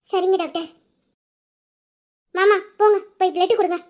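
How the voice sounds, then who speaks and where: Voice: very high-pitched, steady tone, moderate pace. A woman playing a young woman who urgently presses a man to go and give blood. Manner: urgent, insistent.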